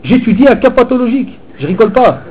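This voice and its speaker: A man, a teacher and preacher, giving an animated, informal sermon to teenagers and mixing street talk with religious phrases. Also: very high voice, fast, narrow, tinny audio. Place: hall in Belgium.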